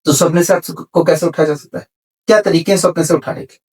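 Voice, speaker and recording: A man's voice: a little high, fairly even intonation, fast talker, distant mic. A man on a podcast explaining spiritual ideas in a conversation, repeating key words and mixing in English terms. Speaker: spiritual speaker.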